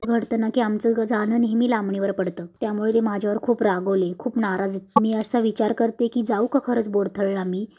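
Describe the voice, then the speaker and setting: A woman's voice: mid-range voice, fairly even intonation, fairly quick, few pauses, breathy edge, close to an everyday voice. A woman voicing a caring middle-aged mother who chides her niece affectionately, in a spoken serial recap. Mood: gentle, affectionate. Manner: gentle, affectionate scolding.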